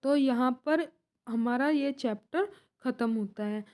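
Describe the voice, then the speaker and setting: A young female grammar teacher preparing students for an exam speaks in a high voice with a darkish tone. Her delivery is slow, and she asks questions only to answer them herself, reinforcing each point.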